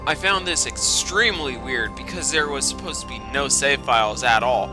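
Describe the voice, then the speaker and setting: A storytime narrator reads dramatically at a moderate pace in a medium-pitched male voice, with video game music playing behind him. Now and then he cuts in with mocking asides, sarcastic, exclamatory and full of profanity.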